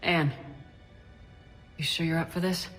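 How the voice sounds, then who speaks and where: A woman voicing a composed female military commander in video game dialogue, with a calm, reassuring, concerned manner. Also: deep voice, measured pace, long reverb tail, faint music behind.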